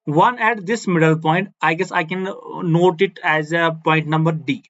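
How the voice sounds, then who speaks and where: A Kashmiri-speaking male physics teacher with a high-pitched, fairly bright voice gives a blackboard lecture in simple English, working through it step by step at a measured pace. He repeats key phrases for emphasis and keeps asking "no?" to make sure students follow. The recording is slightly muffled and lo-fi.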